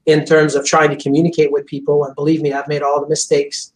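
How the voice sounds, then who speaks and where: A chiropractor guest from Montreal, Canada, first language French, talks fast in a fairly high-pitched voice during an interview by video call, with slight background noise present. Earnest and intense though flat in delivery, he fills his speech with frequent "you know"s.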